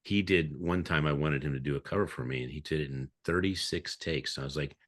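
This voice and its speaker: Very deep-voiced jovial male host. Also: fast, fairly bright tone. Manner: jovial, joking. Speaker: show host. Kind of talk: online show interview.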